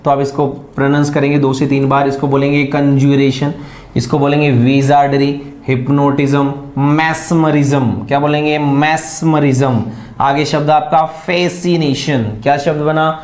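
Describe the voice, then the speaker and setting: A man's voice: medium pitch, level tone, moderate pace, a little mellow. Man teaching vocabulary in an echoey room. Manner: repeats words and quizzes viewers with questions. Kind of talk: exam-prep vocabulary lesson.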